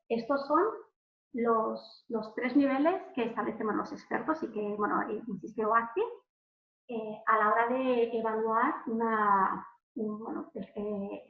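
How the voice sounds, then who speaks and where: A woman's voice: on the high side, fairly even intonation, measured pace. A woman from Spain, giving an informal online lesson as a language examiner, chatty, with many fillers and restarts. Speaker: language proficiency examiner and teacher. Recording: phone-like audio in an echoey room.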